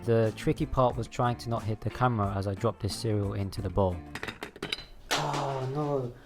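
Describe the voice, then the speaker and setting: A man, a video creator, reads a scripted voice-over explaining his making-of process step by step, with background music behind him. His voice is on the low side, with fairly even intonation, and he talks fast.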